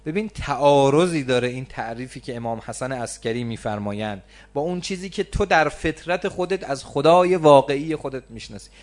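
Man, preacher, sermon, emphatic, loud bursts and low drawn-out words. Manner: stretches key words slowly for emphasis. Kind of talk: religious sermon.

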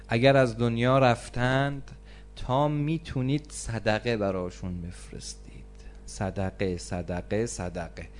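Man preaching with slow emphatic repetition. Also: on the low side, a little hiss or hum. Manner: slow, emphatic repetition, rising to animated storytelling. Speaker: preacher and counselor. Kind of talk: religious talk with anecdote.

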